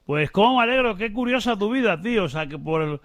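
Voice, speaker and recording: A man hosting a casual interview, blunt and quick to swear. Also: sits high, expressive, no room sound.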